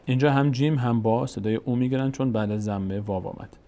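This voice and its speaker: A man's voice: mid-range voice, dark tone. Patient man teaching syllables. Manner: slow, drawn-out syllables repeated aloud, then quick explanations. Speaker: Quran reading teacher. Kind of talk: spelling out Arabic syllables in a recorded lesson.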